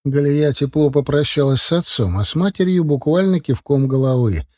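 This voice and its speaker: A man narrating an audiobook in the first person with a calm, even delivery. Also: on the high side, normal speed, dry recording, studio quality.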